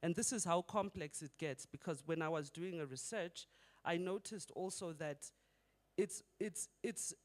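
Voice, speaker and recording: Speaking at a conference, a middle-aged man from Zimbabwe keeps things conversational and poses rhetorical questions to the crowd. He has a higher-leaning voice and takes his time.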